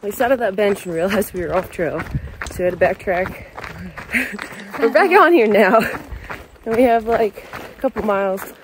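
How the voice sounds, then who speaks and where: A woman's voice: mid-range voice, animated, normal speed, long pauses, background noise. A woman vlogging casually while hiking up a mountain trail, upbeat and chatty, out of breath from the climb. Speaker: thru-hiker vlogger.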